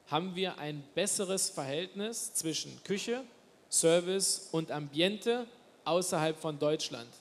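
Spanish-born guy on a panel, kinda high voice, pushy emphatic talk, big echoey hall. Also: a bit bright. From Spain. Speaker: panel guest. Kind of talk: panel discussion. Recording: long reverb hall with faint ambience.

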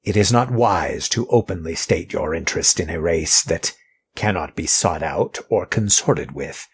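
In an audio drama, a male actor with a deep, husky, rough voice fully inhabits the character of a middle-aged mortician. The mortician is guarded yet courteous, speaking in formal, measured phrases.

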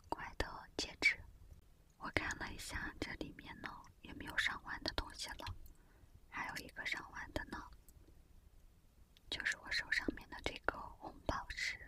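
A woman playing a pushy, smooth-talking shop saleswoman in a whispered role-play, coaxing a customer with persuasive service patter. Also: close to an everyday voice.

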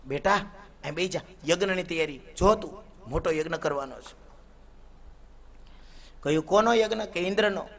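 A man's voice: high voice, a bit bright. A man, a katha preacher telling a devotional story sermon. He chants Sanskrit verses and voices the characters' dialogue as he narrates.

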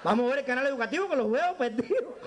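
Brash high-voiced Cuban comedian. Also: male voice, expressive, racing. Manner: brash, teasing banter with the audience, slipping into broken English. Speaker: stand-up comedian working the crowd. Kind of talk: live stand-up comedy. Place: nightclub stage with a live audience.

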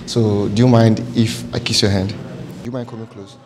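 Guy with a lowish voice flirting on a dating show, smooth, goes quiet and soft. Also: level tone, a little fast. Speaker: contestant. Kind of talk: casual chat.

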